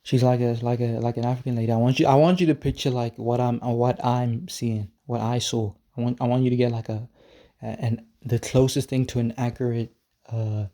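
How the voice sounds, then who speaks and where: A man telling a story to the camera in a casual vlog, rambling and halting, repeating words and swearing casually. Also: mid-range voice, flat delivery, warm tone.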